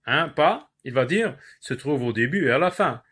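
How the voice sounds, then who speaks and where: A male teacher giving a lesson on syllables, repeating words slowly and pausing often with hesitations. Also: mid-range voice, animated, fairly bright tone, slightly rough. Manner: slow, drawn-out word repetitions with many "euh" pauses. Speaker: primary school teacher.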